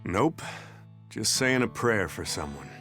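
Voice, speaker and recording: A man voicing a languid, wistful, teasing sailor in a video game, with a sly, drawn-out delivery. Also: fairly low pitch, lively intonation, full character voice. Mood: wry. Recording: soft game music behind.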